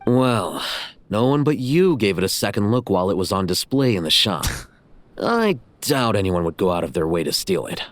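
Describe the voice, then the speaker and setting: A calm sardonic game character, lowish voice, totally deadpan. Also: male voice, no room sound. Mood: dry teasing. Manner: deadpan, measured. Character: dry, composed, sardonic young man. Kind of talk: video game voice acting.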